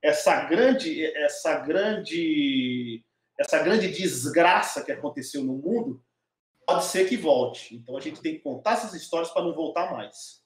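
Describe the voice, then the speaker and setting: Speaking at a measured pace, this guest, a middle-aged documentary filmmaker from Diadema in São Paulo, Brazil, tells his story in a relaxed, lively interview, frequently tossing tag questions to the person he's talking with. His pitch sits slightly above the typical male range, and the space around him rings hollow and echoey.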